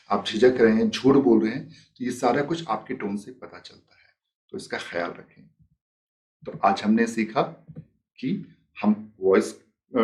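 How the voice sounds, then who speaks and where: A man's voice: medium pitch, far from the mic. A man teaching a life skills lesson, explaining step by step and acting out example sentences. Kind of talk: spoken lesson with demonstrations.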